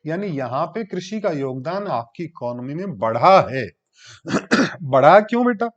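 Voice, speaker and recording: Guy teaching a class, bit high voice, asks then answers himself, dull lo-fi sound. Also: expressive, slow pace, fairly bright tone. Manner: explains step by step, asks and answers his own questions. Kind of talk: classroom lecture. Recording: dull lo-fi recording.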